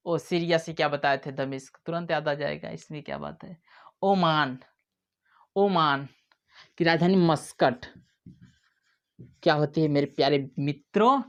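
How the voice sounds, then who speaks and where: A man's voice: a little high, a little slow, long pauses. A man teaching memory tricks in a playful way, acting out little scenes as he explains. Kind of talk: mnemonic lesson to camera. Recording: dull lo-fi sound.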